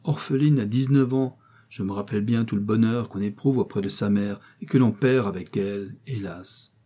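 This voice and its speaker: A scheming young heiress whines and complains in a melodramatic storybook reading, a man lifting his voice to put her on. The tone stays mellow and slightly husky. She sounds wronged and pitiful, all on purpose. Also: fairly low pitch, normal speed, close to an everyday voice. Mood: indignant. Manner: plaintive, melodramatic. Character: scheming young orphaned heiress, self-pitying.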